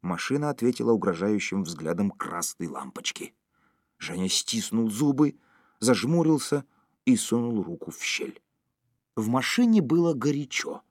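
A man's voice: medium pitch, expressive, normal speed, dry recording, studio quality. A man reading a story aloud as an audiobook narrator, telling it expressively.

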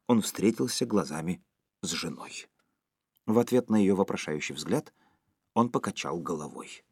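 A man's voice: lowish voice, breathy edge, dry recording, clean studio sound. A man reading a story aloud as an audiobook narrator, telling it expressively.

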